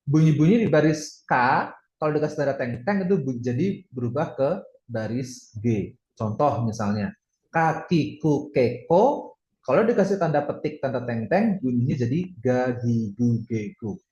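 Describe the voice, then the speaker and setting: A man, teaching a casual online lesson, chatty and step by step, slowly sounding out syllables. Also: medium pitch, lively intonation, warm tone. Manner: chatty, explains step by step with many fillers. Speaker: Japanese language teacher. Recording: roomy, somewhat dull audio.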